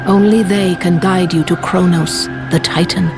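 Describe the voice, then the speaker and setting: A woman's voice: on the low side, steady tone, normal speed, over music, natural voice. An actress playing a solemn goddess who gives a warrior his orders in a video game cutscene. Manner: solemn, instructive.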